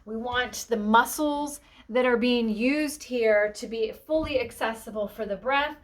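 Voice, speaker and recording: A woman's voice: on the high side, a little slow. A woman yoga instructor giving a step-by-step spoken breathing lesson, explaining instructively with casual check-ins.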